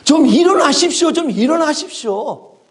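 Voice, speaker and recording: A man's voice: very high voice, big pitch swings, moderate pace, a little hiss or hum, voice pushed up. A man voicing frightened male disciples who beg to be saved from a storm at sea, in an urgent, raised, pleading voice. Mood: desperate pleading. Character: panicked male disciples begging on a storm-tossed boat.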